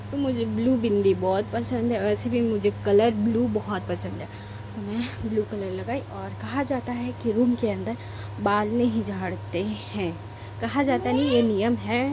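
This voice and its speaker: Her voice a little high, a young woman films a homely, rambling get-ready-with-me vlog from her bedroom, frequently correcting herself mid-sentence. The background is noisy, with a child crying and shouting.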